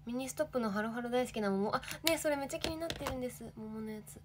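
A woman's voice: fairly high pitch, quick pace, noisy background. A young woman in her twenties, an idol livestreaming, chatting casually and reading viewer comments with giggly, bubbly energy.

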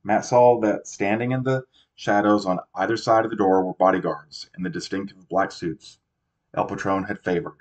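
A man's voice: low voice, steady tone, moderate pace. A man narrating a novel aloud, often stumbling and correcting himself as he reads. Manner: reads with frequent slips and self-corrections. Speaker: audiobook reader. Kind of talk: amateur audiobook narration. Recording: dull lo-fi recording.

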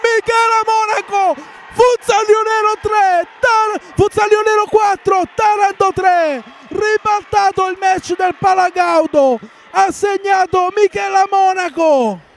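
A man commentates live on futsal from a noisy sports hall. His voice is extremely high for a man, pushed into breathless, shouted goal commentary over clear background noise. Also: fairly even intonation, slow. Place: indoor sports hall during a match. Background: clear match noise.

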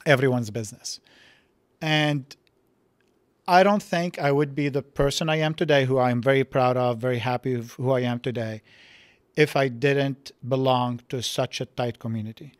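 A man in his forties from Lebanon, a podcast guest speaking reflectively and haltingly, with many restarts, in a studio interview. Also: medium pitch, dry recording. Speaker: podcast guest, physics professor. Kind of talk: casual interview talk. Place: studio set with dark curtains. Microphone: boom mic on stand.

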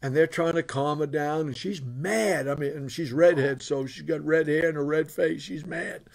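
A man's voice: on the high side, normal speed, vocal fry. Boisterous middle-aged preacher telling his story. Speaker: bishop. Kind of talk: testimony storytelling.

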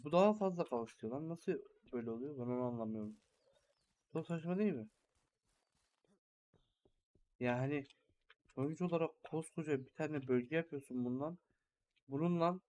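A man's voice: mid-range voice, darkish tone, slight background noise. A young man hosting a gaming channel, giving rambling, think-aloud commentary while he builds in a farming game.

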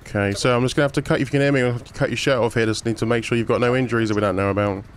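A man role-playing a paramedic in a game, talking through procedures calmly and reassuring the patient. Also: medium pitch, rapid-fire, a little hiss or hum. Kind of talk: improvised emergency role-play.

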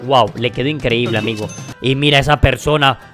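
A man reacting to a video game in casual, excitable commentary that he talks straight to his viewers. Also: medium pitch, a little fast, faint music behind. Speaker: gaming video creator.

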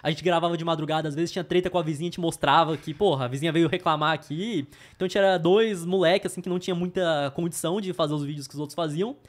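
A young Brazilian man co-hosting a podcast, talking at breakneck speed. His voice sits a bit high. He tells stories in slangy, animated casual chat. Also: racing, hardly any pauses. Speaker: podcast co-host.

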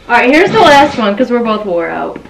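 Woman vlogging at home, high bouncy voice, lots of giggling, kinda far from the mic. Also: big pitch swings, normal speed, gravelly. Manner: giggly, laughs often while straining. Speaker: vlog co-host. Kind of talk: casual chat. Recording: roomy, distant, noisy room sound.

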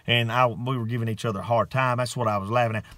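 A man's voice: mid-range voice, steady tone, fast talker, bright, forceful tone, no echo, voice pushed down, lightly acted. Man doing a polite, pleading referee. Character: apologetic fifty-year-old male referee.

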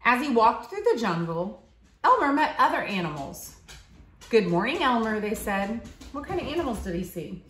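Here the same school staff member, a woman in her thirties, reads expressively from a picture book to a child using plain teacherly wording. Her voice is on the high side, sing-song and a bit bright, at a moderate pace. She's on a leather couch in the living room, filmed from a short distance, with a roomy, echoey sound and slight background noise.

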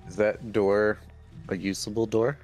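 A man with a fairly low, darkish voice co-hosts a let's play in a flat, measured delivery. His casual gameplay commentary is sarcastic, and he reads in-game text aloud over background game music.

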